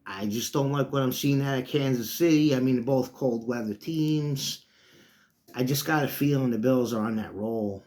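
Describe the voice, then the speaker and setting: A man's voice: mid-range voice, moderate pace, darkish tone. Folksy, rambling middle-aged man. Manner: chatty, folksy, drifts between topics, often calls listeners folks. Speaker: host of his own sports talk channel. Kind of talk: casual rambling monologue.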